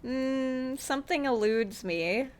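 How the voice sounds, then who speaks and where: A woman doing let's-play commentary on a video game, reading game text aloud and pausing as she goes. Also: high-pitched, a little hiss or hum.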